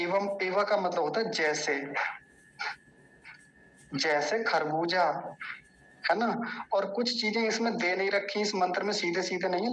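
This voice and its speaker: A man teaching the meaning and pronunciation of a Vedic mantra, explaining patiently and drawing out syllables slowly to demonstrate. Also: sits high, a bit bright, slight background noise, poor audio. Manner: slow deliberate syllable-by-syllable pronunciation drills; patient explanatory tone with rhetorical questions. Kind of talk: spoken lesson on scripture.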